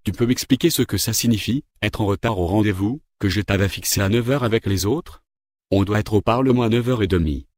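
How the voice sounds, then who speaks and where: A man's voice: fairly low pitch, brisk, darkish tone, no echo, lightly acted. A man voicing an irritable government minister who grumbles and gets impatient, in a read-aloud story. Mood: irritated.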